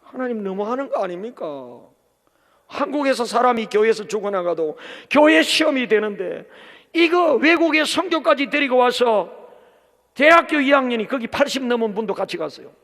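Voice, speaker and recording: A middle-aged man preaching a sermon as pastor, telling a story with swings from shouting to hushed speech. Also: extremely high pitch, expressive, normal speed. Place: large church hall. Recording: long church hall reverb.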